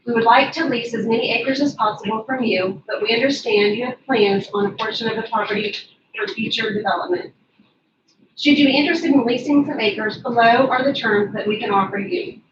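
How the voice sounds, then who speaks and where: Woman reading a firm statement, echoey hall. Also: fairly high pitch. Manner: formal, firm. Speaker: public commenter at county court. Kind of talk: reading a prepared public statement. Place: county commissioners courtroom. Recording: echoey, distant, dull and noisy.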